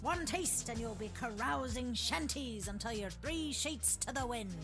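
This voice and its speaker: A woman's voice: fairly high pitch, animated, a little slow, music in the background. An actress voicing a boisterous, swaggering woman pirate captain in a hearty old-timey pirate drawl.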